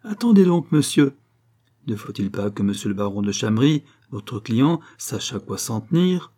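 A man's voice: mid-range voice, very animated, moderate pace, dark tone. A man voicing a young nobleman in an audiobook, commanding and enraged. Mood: stern. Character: young nobleman in furious despair.

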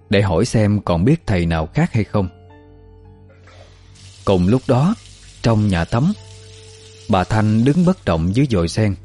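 A man narrating a scripted ghost story in a steady, measured storytelling manner. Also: fairly low pitch. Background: faint music.

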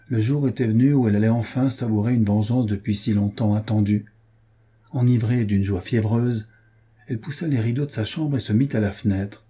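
Very husky, low-voiced male narrator. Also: mellow. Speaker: audiobook reader. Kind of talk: scripted narration.

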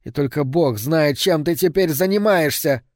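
A man's voice: moderate pace, no echo, clean studio sound, natural voice. A man voicing a furious old woman who screams and curses at a young man in an audiobook reading. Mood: screaming fury. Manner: shrill, screaming and cursing. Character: furious screeching old woman, a worried mother.

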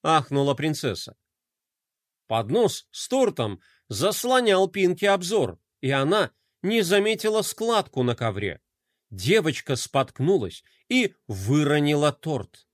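A man reads a children's storybook aloud with animated, expressive delivery. His voice is high and swings widely in pitch. The recording is dry and close, with no room sound. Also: unhurried, dry recording. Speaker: narrator.

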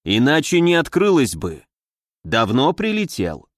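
A man voicing a cryptic old hermit sage who speaks slowly in a resonant voice. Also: mid-range voice, huge pitch swings, no echo, clean studio sound. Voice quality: resonant, slow and measured.

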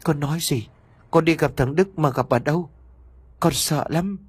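A worried older mother-in-law frets and pleads in a lifted voice, as a man reading the story puts her on. The tone is husky and dry. She sounds tender but can't settle her nerves. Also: a little high, moderate pace, no echo, voice pushed up. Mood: anxious pleading. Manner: pleading, anxious. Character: frantic aging mother-in-law, fretful and tender.

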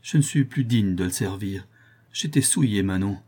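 A man's voice: on the low side, normal speed, warm tone, slightly rough. A man reading aloud and voicing a distraught young nun, broken and ashamed, with anguished, pleading speech.

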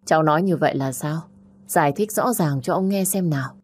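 A woman narrator voicing a stern, hoarse elderly grandfather who scolds loudly and barks orders. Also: deep voice, fairly quick.

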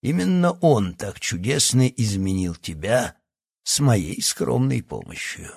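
A man's voice: lowish voice, very animated, slow pace, gravelly, darkish tone, slightly rough, no echo, clean studio sound, full character voice. A man voicing a scheming old doctor who is secretly a villainous professor, speaking in a condescending, sly way in an audiobook. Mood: sinister. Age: over 60. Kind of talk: audiobook character acting.

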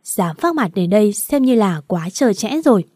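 A woman's voice: medium pitch, big pitch swings, normal speed, warm tone, no echo, studio quality. A woman voicing a cold, proud young wife. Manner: cold, cutting.

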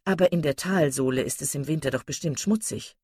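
A reserved, awkward young gentleman, as a female audiobook reader plays him, replies in a subdued, matter-of-fact tone. Her low, husky voice stays dark and dry. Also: brisk, no echo. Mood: plain. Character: reserved young man, awkward and dryly plain. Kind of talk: audiobook character voice.

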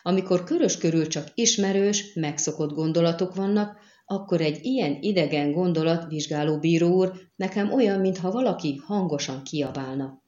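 A woman voicing a wary young woman telepath and spy who talks low and guarded, in an audiobook reading. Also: few pauses, warm tone, echoey room, lo-fi sound, natural voice. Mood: explaining.

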